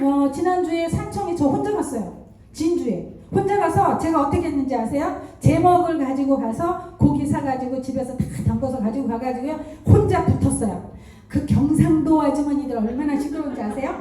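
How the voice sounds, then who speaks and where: A woman with a high but mellow voice gives a motivational talk at a marketing seminar. She tells stories and keeps asking the audience rhetorical questions. She is picked up from far off in a very echoey lecture hall. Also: moderate pace. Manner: animated storytelling with rhetorical questions. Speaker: network marketing distributor giving a talk.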